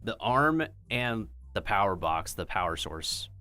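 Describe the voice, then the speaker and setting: A man's voice: low-pitched, big pitch swings, measured pace, bright, forceful tone, faint music behind. A man hosting a livestream, chatting casually in a rambling way peppered with filler words. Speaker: streamer and host.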